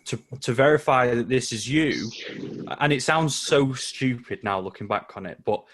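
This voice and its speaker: A man's voice: mid-range voice, normal speed, fairly bright tone, slight background noise. A man from England co-hosting a football podcast, chatting casually and telling a story with a laugh. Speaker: podcast co-host. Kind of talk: casual chat.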